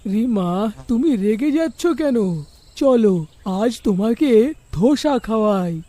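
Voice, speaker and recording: Cartoon village husband, high and mellow, slow, dry sound, woman voicing him. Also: animated, dry recording. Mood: teasing. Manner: jovial, coaxing. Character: easygoing teasing village husband. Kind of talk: cartoon voice acting.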